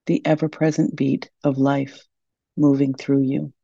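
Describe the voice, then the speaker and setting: Soft, creaky woman guiding meditation. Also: rumbling low, little pitch movement, a little slow, dry recording, highs cut off. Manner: soft, soothing, gentle delivery. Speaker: meditation guide. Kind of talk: guided meditation.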